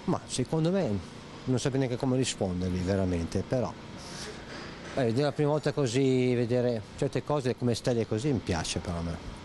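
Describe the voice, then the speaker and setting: A middle-aged man answering haltingly and unsure into a handheld mic under an outdoor arcade. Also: mid-range voice, lively intonation, warm tone, a little hiss or hum. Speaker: passer-by interviewed. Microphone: handheld interviewer mic.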